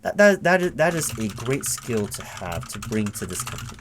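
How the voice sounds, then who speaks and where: Playing an evasive, flustered recruiting manager in a one-sided ASMR job interview, this man speaks in a natural, sing-song, medium-pitched voice that sounds earnest and approving. He rambles with halts, repetitions and self-corrections, and there's background noise.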